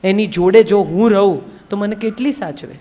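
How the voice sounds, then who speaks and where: A woman's voice: mid-range voice, normal speed, warm tone, close to an everyday voice. A tearful young bride, plaintive and pleading, told by a woman speaker, in a hall with long reverb.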